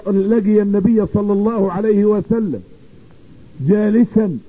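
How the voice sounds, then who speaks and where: High husky preacher over tinny radio. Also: male voice, steady tone, moderate pace. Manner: repeats phrases for emphasis. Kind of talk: sermon storytelling. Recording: tinny phone-like radio broadcast.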